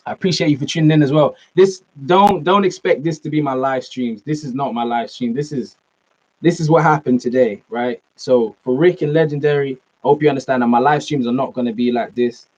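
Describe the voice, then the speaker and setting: His voice is mid-range and darkish, and he talks a little fast: a young British-accented fitness streamer from Norway who grew up in the UK. He chats laid-back on his live stream, answering comments and calling viewers bro and man. A laptop mic gives the recording a slightly dull lo-fi quality.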